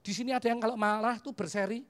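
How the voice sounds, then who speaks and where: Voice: medium pitch, steady tone, quick pace. Preacher, fifties, Javanese accent; humorous storytelling sermon, acts out dialogues, mixes in English. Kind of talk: humorous sermon with personal stories.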